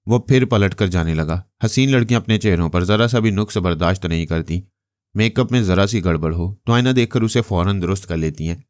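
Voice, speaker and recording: A man narrating a novel as a storyteller, in a steady, measured way. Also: low voice, dry recording, studio quality.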